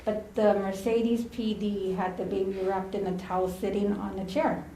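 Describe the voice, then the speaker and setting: In a funeral home chapel, a woman who once worked as an ambulance partner gives a storytelling eulogy, laughing through anecdotes and slipping Spanish phrases into her English. Her medium-pitched voice is warm and level, at a normal speed and chatty. The chapel sounds echoey, with faint ambience and slight background noise.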